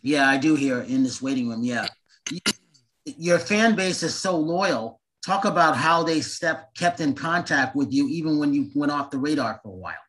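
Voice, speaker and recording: A man's voice: a little high, animated, moderate pace, a bit bright, poor audio. A man hosting an interview over a video call from a waiting room, upbeat and repeating his questions. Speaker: host.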